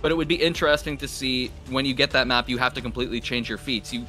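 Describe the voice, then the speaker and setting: A man's voice: mid-range voice, level tone, fast talker, pushed and bright, soft background music. A man from Canada casting a live game stream, explaining at length and laughing often. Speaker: esports caster. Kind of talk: casual live-stream commentary.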